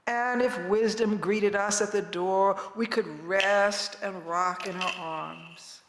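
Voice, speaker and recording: A woman in her seventies gives a poetic reflection to a congregation, speaking in a calm, gentle, wise way with deliberate pauses. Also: mid-range voice, a little hiss or hum. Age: 70s. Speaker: retired minister, guest speaker. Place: large reverberant indoor room, speaking to a congregation. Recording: echoey hall with long reverb.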